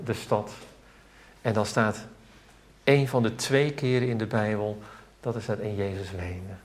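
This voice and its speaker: A man preaching a sermon, earnest and pleading, building to emphatic calls. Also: on the low side.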